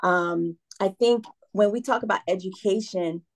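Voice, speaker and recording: A woman's voice: medium pitch, measured pace. A woman who teaches preschool, talking in an interview, earnest and enthusiastic and often checking in with "right?". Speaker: preschool educator, guest. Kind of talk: casual interview talk.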